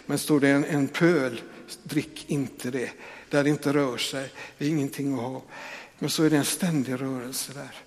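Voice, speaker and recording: A man's voice: mid-range voice, steady tone. Man preaching in a reverberant church. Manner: conversational, with tag questions and restarts. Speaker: pastor. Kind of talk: sermon.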